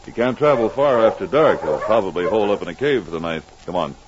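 A firm, measured Mountie sergeant, played by a man, with calm authority and a widely moving pitch. It is old radio adventure acting on a dull, lightly noisy recording. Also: close to an everyday voice. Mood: assured. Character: steady, dutiful Mountie police sergeant, calmly authoritative.

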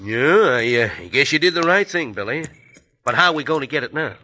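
Hesitant, animated outlaw henchman. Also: medium pitch, fairly quick. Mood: uneasy. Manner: hesitant, stammering, folksy. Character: hesitant, slow-witted male Western outlaw henchman.

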